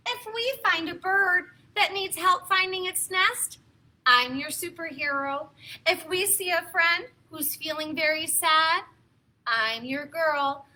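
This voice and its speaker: A woman with a high, very bright voice hosts story time, reading aloud and chatting with young children. She sounds expressive and encouraging and keeps her phrases simple. The recording is rough.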